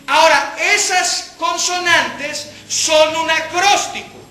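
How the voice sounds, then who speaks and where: Animated woman teaching scripture. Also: very high voice, takes it slowly. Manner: animated, acts out scripture quotes, asks rhetorical questions. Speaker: Bible study teacher. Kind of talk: Bible study sermon. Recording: echoey hall with faint music.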